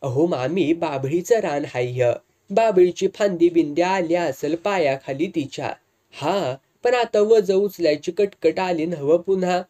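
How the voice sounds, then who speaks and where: A man's voice: on the high side, unhurried, mellow, natural voice. Narrator doing playful young village man, teasing, laid back. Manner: teasing, easygoing rural speech.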